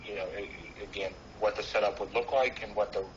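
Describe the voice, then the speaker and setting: A man's voice: fairly low pitch, steady tone, brisk. A man speaking over a phone on speakerphone to a board meeting, as a business representative, hesitant with many fillers and restarts. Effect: heard over a phone on speaker. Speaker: business representative applying for a license. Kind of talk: formal remarks at a town board meeting. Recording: muffled phone speaker in a meeting room, faint noise.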